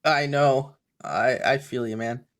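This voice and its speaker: A man's voice: mid-range voice, steady tone, slow, a bit bright. A man co-hosting a podcast, teasing his friends in laid-back casual chat. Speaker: podcast co-host.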